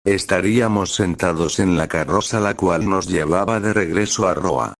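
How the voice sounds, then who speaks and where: A man reading a first-person fan fiction aloud in a flat, repetitive way, voicing the hero's lines himself. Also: low voice, moderate pace. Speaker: story reader.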